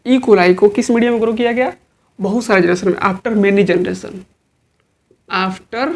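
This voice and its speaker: Woman teacher drilling with rhetorical questions. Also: mid-range voice. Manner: drills with rhetorical questions, repeats each answer. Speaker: biology teacher. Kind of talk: exam-prep lecture.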